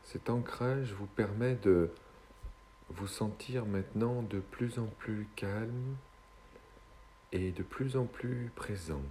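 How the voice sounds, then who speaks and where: Low, slow hypnotist voice, male. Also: mellow, a little hiss or hum. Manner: slow, soothing hypnotist delivery with long pauses. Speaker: hypnotist guiding relaxation. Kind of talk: guided hypnosis session.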